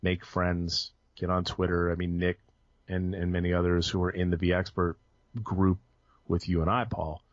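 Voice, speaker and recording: Here a young man's low, monotone voice moves at normal speed while he rambles through a casual podcast interview about his IT career. Ums, restarts and self-corrections come often, and the recording is dull, lo-fi, dry and free of echo.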